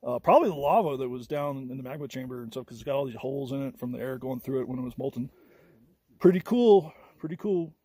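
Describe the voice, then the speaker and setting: Out on a hiking trail, a man hosts a travel vlog, chatting in a rambling, easygoing way full of fillers. His mid-range voice is darkish and slightly rough, rapid-fire with few pauses. The camera-mic recording is dry.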